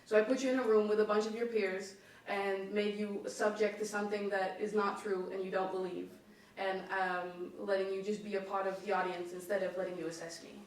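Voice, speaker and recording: A woman's voice: mid-range voice, level tone, brisk. A young woman, an art student, answering questions at an exam in a loose, rambling, self-deprecating way. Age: young adult. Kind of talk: casual exam Q&A. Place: echoey school exam room. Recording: echoey room, mic from far off.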